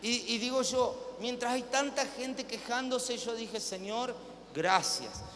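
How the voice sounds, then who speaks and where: A man's voice: extremely high pitch, steady tone, a little slow, a bit bright. A male pastor with an Argentine accent, preaching emphatically to a congregation, repeating phrases and calling for amens. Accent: Argentine Spanish. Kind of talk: live sermon. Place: church hall with congregation. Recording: hall reverb, faint room noise.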